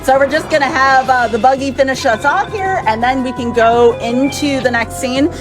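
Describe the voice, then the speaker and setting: A woman's voice: sits high, normal speed. A woman giving chatty, upbeat live commentary on her own speedrun, laughing often. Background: game music.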